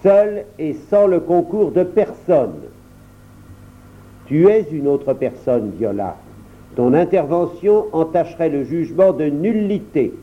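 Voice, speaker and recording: A stern judge lays out a verdict in slow, formal pronouncements, as a male narrator puts him on. His delivery is lively in pitch, and the recording sounds dull and lo-fi. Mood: firm. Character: stern, sly man acting as judge.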